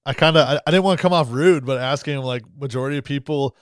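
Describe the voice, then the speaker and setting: A man's voice: medium pitch, fast talker, clean tone, no echo, studio quality. A man co-hosting a hiking podcast, asking playful, curious questions in casual chat. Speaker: podcast co-host.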